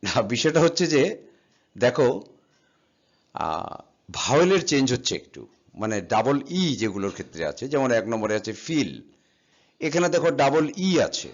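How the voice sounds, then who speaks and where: Here a man gives a classroom lesson explaining English verb forms, spelling words letter by letter and answering his own questions with patience. His mid-range voice is very animated, at normal speed with long pauses, and the recording has a slightly dull, lo-fi quality.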